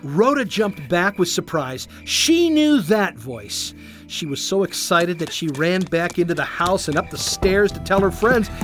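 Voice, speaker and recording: Animated children's storyteller. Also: mid-range voice, unhurried, faint music behind. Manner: animated, expressive read-aloud. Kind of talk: children's Bible storybook narration.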